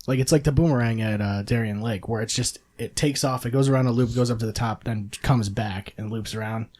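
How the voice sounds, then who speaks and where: A man's voice: medium pitch, brisk. A man in casual podcast chat who laughs often, swears freely and tells stories with energy. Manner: laughing, swearing, animated storytelling.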